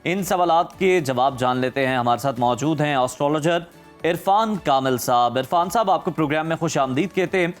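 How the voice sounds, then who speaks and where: A man's voice: fairly high pitch, fairly quick, faint music behind. A man hosting a TV talk segment, asking formal, polite questions. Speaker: TV show host.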